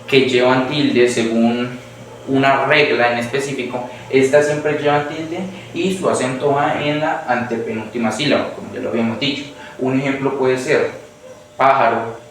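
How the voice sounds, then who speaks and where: A teenage boy with a Colombian Spanish accent giving a school presentation, hesitant and restarting often. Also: mid-range voice. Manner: hesitant, many restarts and fillers. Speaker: student presenter. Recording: echoey room from far off, faint hiss.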